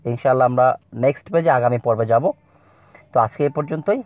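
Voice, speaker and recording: A man's voice: mid-range voice, dry recording. A man teaching an online Quran reading lesson, sounding out syllables one by one and asking listeners to repeat after him. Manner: drills syllables aloud, pausing for listeners to repeat. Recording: tinny phone-like dry recording.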